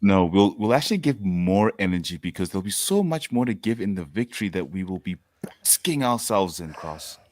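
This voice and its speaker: A laid-back man on a podcast who jokes in a deadpan way. His voice sits very low. It sounds dry and close, with no echo. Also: brisk. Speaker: podcast co-host. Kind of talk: casual banter on a live podcast.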